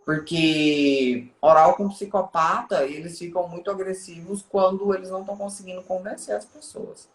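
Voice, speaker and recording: A woman's voice: fairly low pitch, fairly even intonation, moderate pace, hardly any pauses, reverberant. A woman speaking as a guest on a live stream, explaining in a teaching way and often checking in with the listener.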